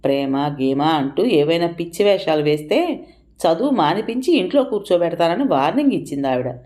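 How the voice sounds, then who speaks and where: A woman reads a story aloud as an audiobook narrator. Her voice is low-pitched and she tells it expressively, lifting her tone for quoted speech. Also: lively intonation, brisk, warm tone.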